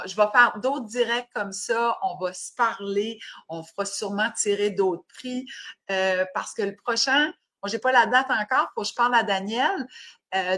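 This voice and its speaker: A woman's voice: medium pitch, a bit bright. A woman with an Acadian French accent hosting a casual fitness live stream, upbeat and cheering, slipping English words into her talk. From New Brunswick, Canada.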